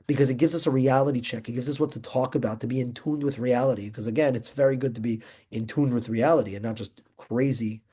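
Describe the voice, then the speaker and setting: A young man teaching an informal Torah class, emphatic and excitable, rambling between points. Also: mid-range voice, fast, hardly any pauses, slightly rough.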